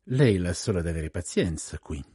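A man reading an audiobook, voicing a small, fastidious detective who speaks gently and softly in a husky voice. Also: low-pitched, expressive, no echo, studio quality, full character voice. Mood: gentle. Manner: gentle, soft-spoken. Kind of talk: audiobook character voice.

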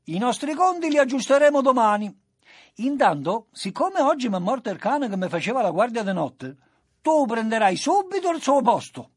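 A man's voice: very high-pitched, very animated, normal speed, no room sound, pitched above the performer's own voice, full character voice. A blustering country farmer with a twang, barking orders and threats in a strained, raised voice, as a man puts him on. The sound is close and dry, in a storybook radio tale. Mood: bossy. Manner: scolding, blustering. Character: angry rustic old farmer, gruff.

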